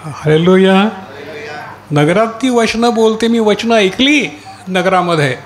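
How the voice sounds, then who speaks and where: Higher-voiced male pastor preaching. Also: animated, a little slow, a little hiss or hum. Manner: preaching with rhetorical questions to the congregation and calls of hallelujah. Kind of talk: sermon. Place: church prayer hall.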